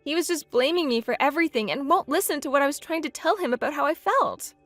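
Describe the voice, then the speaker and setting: Woman voicing a hurt bride, indignant, pleading, high voice, faint music. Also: expressive, fast, a bit bright, no echo. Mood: upset. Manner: upset, pleading. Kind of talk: text-story voice acting.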